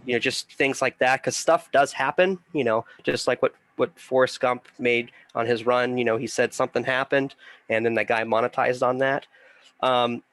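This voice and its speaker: A man's voice: a little high, fairly bright tone, no echo. A middle-aged man, congested, teaching a casual online investing class and rambling with fillers and restarts.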